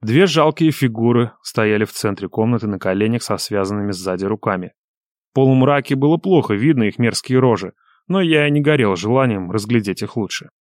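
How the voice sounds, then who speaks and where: A man reading a first-person audiobook in a grim, measured way. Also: on the low side, expressive, a little mellow, no room sound, studio quality. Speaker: audiobook narrator. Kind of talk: scripted first-person narration.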